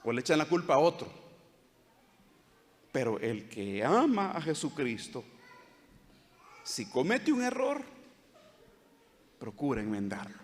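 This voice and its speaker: A man's voice: medium pitch, wildly swooping pitch, measured pace, long pauses, big-room sound. A man preaching a sermon as pastor with a Salvadoran Spanish accent, earnest, acting out short quoted dialogues. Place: church hall.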